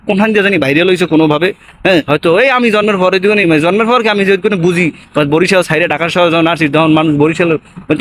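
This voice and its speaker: Fast-talking young man with a Barishal accent. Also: high voice, a bit bright, slight background noise. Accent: Barishal Bengali. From Patuakhali, Barishal, Bangladesh. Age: young adult. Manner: rambling, repeats tag questions. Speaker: vlogger. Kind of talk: casual to-camera talk.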